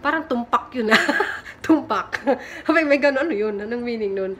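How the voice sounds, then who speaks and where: A woman's voice: a little high, expressive, moderate pace, bright, forceful tone, slight background noise. A young woman from the Philippines casually chatting on her home vlog, giggly and self-teasing as she reads viewer comments. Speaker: vlogger. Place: home room in Japan. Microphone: phone camera.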